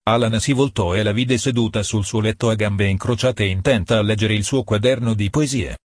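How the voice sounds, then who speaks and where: A man reading a novel aloud, calm and measured, partly in the first person. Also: lowish voice, dry recording, studio quality. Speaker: audiobook reader.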